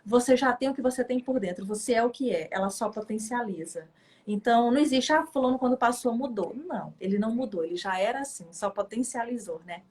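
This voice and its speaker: A middle-aged woman from Brazil talks about her work as a judge, with her voice sitting a little high. She tells her story in a casual, heartfelt way, openly emotional and intense. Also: fairly quick, a little mellow, slightly rough. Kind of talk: casual interview chat.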